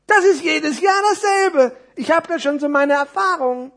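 A tired, know-it-all necktie gift from a spoken storybook, with a man doing the voice. The voice is squeaky and high, and it lectures with a clipped impatience. It is read aloud to children. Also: a little slow, creaky, a bit bright, heavily acted. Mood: worldly-wise.

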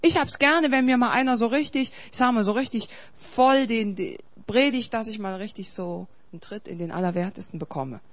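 A woman's voice: fairly high pitch, brisk, hardly any pauses. Emphatic preaching woman. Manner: emphatic, swings between loud urging and quiet storytelling. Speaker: pastor. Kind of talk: sermon.

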